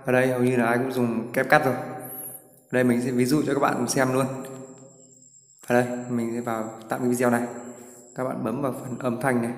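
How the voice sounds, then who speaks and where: A man hosting a casual tutorial, chatting through each step of a screen recording. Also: mid-range voice. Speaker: tutorial host. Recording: roomy with long reverb.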